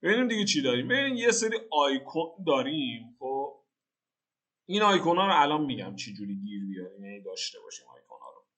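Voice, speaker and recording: A man's voice: medium pitch, big pitch swings, fairly bright tone. Joking young man talking through code. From Iran. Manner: joking, slangy, thinks aloud. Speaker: programming tutor. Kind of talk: casual screen-recorded coding tutorial.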